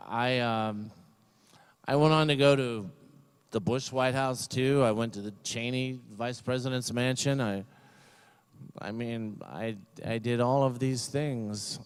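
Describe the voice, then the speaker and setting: An older man speaks into a podium microphone at a graduation ceremony, his voice smooth and resonant. He rambles through a comic commencement speech, mocking himself and filling his pauses with ums and uhs. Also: medium pitch. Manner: rambling, self-deprecating, many fillers.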